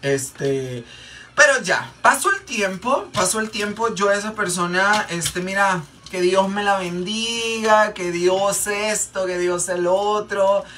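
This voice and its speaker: A man's voice: high voice, slow pace, pushed and bright. Chatty Mexican man gossiping, distant mic. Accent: Mexican Spanish. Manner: chatty, rambling, many fillers and repeats. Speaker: makeup vlogger. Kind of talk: casual gossip storytime. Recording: distant mic, faint background noise.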